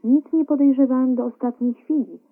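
A woman's voice: high voice, steady tone, fairly quick, slightly rough, voice pushed up. A woman voicing a cheerful young male painter, easygoing and a little boastful, on a narrow phone-like radio recording. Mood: confessing.

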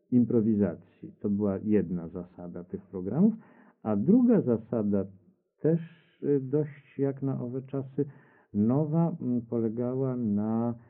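A man talking about his radio cabaret show in front of an audience, rambling and hesitant, often correcting himself. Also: fairly low pitch. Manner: rambling, hesitant, self-correcting, reads quotes aloud. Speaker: radio cabaret creator answering questions. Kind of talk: unscripted public talk with audience questions. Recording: tinny lo-fi archive radio recording.

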